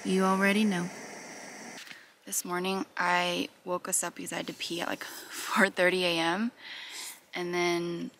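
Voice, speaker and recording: A woman's voice: on the low side, little pitch movement, a little slow, fairly bright tone, slight background noise. A young adult woman chatting to her handheld camera while camping, telling stories with playful asides to viewers. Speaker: vlogger. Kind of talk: casual vlog chat to camera. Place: campsite outdoors and inside a car. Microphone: camera held at arm's length.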